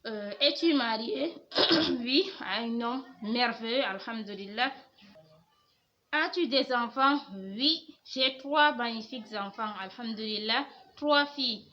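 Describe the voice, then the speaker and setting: On her home organisation channel, a young Cameroonian woman reads out viewer questions and answers them. A native Fulfulde speaker, she talks softly and hesitantly in a fairly high voice, pausing often, over slightly muffled recording with faint hiss.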